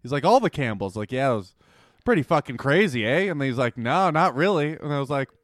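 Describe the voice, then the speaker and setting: A man's voice: medium pitch, very animated, fast talker, no echo, clean studio sound. A young man co-hosting a casual podcast, teasing and cutting in on his partner's stories. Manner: teasing, heckling interrupter. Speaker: podcast co-host.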